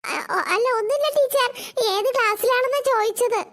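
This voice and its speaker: Squeaky chattering cartoon schoolgirls. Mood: worried. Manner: rapid excited chatter, squeals and giggles. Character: chattering young schoolgirls, cheeky and gossipy. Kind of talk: cartoon voice acting.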